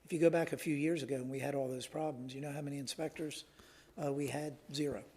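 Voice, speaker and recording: Man, city council member, creaky husky voice, measured halting delivery, public meeting explanation. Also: mid-range voice, steady tone, darkish tone.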